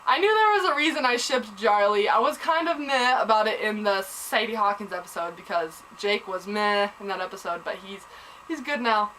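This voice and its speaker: A young woman excitedly recapping a TV episode in casual chat, gushing and saying "like" and "oh my god" a lot. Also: medium pitch, moderate pace, a little hiss or hum, poor audio.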